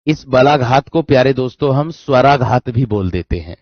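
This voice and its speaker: In an online Hindi grammar class, a man repeats key phrases, slows down to dictate, and often checks that his students have understood. His mid-range voice has a lively intonation with no room sound, and the recording is dry, dull and lo-fi.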